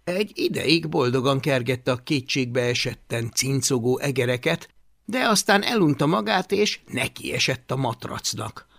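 A man narrating a children's adventure audiobook with an expressive, animated reading. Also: mid-range voice, creaky, no echo, clean studio sound. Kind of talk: storytelling narration.

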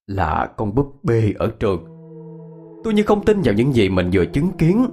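A man narrating a first-person horror story in a tense, dramatic manner, slowing for suspense. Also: medium pitch, wildly swooping pitch, mellow, faint music behind.

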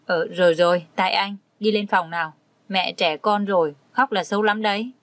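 A woman's voice: mid-range voice, steady tone, normal speed, no echo, close to an everyday voice. Stern young husband, firm and scolding, read dry and close by a woman storyteller. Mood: coaxing. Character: young husband, busy professor, stern when angry.

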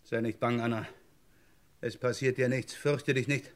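An actor playing a haunted, bitter soldier who has returned home, in feverish, mocking stage speech for a 1960s radio drama. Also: male voice, mid-range voice, steady tone, normal speed, natural voice.

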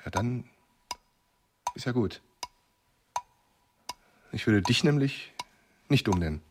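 An actor playing a middle-aged younger brother who answers in a dry, mocking way, in a radio play. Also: male voice, mid-range voice, animated, slow pace, noisy background. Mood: quiet, sheepish.

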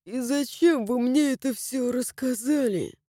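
A man voicing a bitter young highlander. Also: slow pace, dark tone, no echo, studio quality. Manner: anguished, pleading. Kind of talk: audiobook character voice.

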